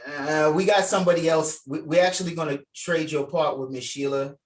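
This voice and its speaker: A man with a voice on the high side, steady and brisk, leads a casual script table read on a video call. He reads out stage directions and gives directions, and his mic sounds far away.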